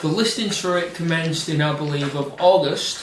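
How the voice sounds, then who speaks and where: A man's voice: on the high side, normal speed. Emphatic man, roomy distant sound. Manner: opinionated, emphatic, swears casually. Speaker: co-host. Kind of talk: casual film discussion. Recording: roomy echo, distant mic, faint noise.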